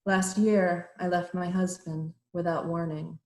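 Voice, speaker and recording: A middle-aged woman reads her poetry aloud, unhurried and deliberate, her voice sitting a little low. She introduces each poem haltingly, with plenty of pauses and fillers. The sound comes through a computer mic on a video call, in a room with noticeable echo. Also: little pitch movement, darkish tone. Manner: measured, hesitant introductions with many fillers. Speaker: poet. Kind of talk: poetry reading with short introductions. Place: home room on a virtual reading call. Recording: roomy echo.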